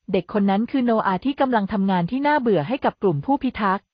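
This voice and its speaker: Woman reading a novel aloud super fast, fairly high voice, dull dry sound. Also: no room sound. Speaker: audiobook narrator. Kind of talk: scripted narration.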